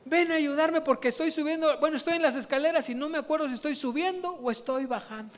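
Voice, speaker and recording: Man putting on a forgetful granny voice, high-pitched, fretful and frail, joke-telling style. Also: fast talker, in a large hall. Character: forgetful elderly woman, frail and flustered.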